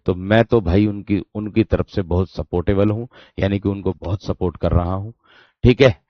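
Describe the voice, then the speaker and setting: A man's voice: sits low, steady tone, normal speed, no room sound. Male teacher, online grammar class, repetitive friendly address, says syllables aloud, dry muffled recording. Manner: addresses students warmly as dear friends, repeats phrases; demonstrates sounds aloud, repeating syllables. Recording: dull dry lo-fi sound.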